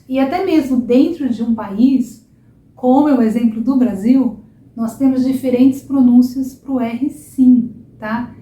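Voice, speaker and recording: A young woman from São Paulo with a Paulista Brazilian accent teaches pronunciation to her online students. Her voice sits a little high but sounds mellow rather than bright. She explains patiently and keeps checking in with her listeners, recorded in an echoey room with a faint hiss behind her. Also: measured pace. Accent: São Paulo Brazilian Portuguese. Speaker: Portuguese teacher. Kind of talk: online language lesson.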